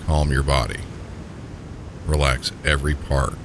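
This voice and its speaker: Easing listeners toward sleep, a Southern US man with an extremely deep voice hosts a sleep story podcast. He speaks softly and calmly at a slow pace. Loud low pink noise rumbles steadily in the background.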